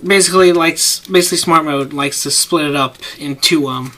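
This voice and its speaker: Working hands-on through a paper craft, this tutorial maker talks as he goes, wandering off topic and interrupting himself. He speaks with a fairly high, fairly bright voice at a moderate pace. The camera mic captures noisy home audio with clicks.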